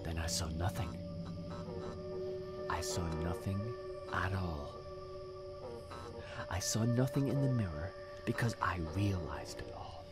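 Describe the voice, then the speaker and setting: In a dramatic audio drama, a deep-voiced man plays a deranged, self-righteous serial killer, halting and menacing and sometimes sinking into a whisper. Loud music plays behind him, and the mood is bleak and chilling.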